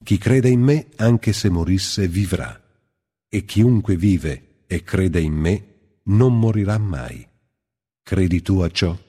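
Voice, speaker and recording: A calm, authoritative male teacher speaks slowly and gravely, as a man reads him aloud, each line deliberate. The tone is very deep and dark, with a husky edge and a long reverb trailing behind. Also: heavily acted. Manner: slow, deliberate, solemn.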